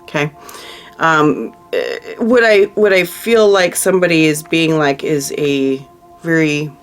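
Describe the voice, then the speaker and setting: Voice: medium pitch, lively intonation, measured pace, clear, resonant tone, soft background music. A tarot reader giving a monthly reading to the viewer, thinking aloud over the cards in a consoling, emotional way, with frequent restarts. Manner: frequent restarts and trailing-off phrases.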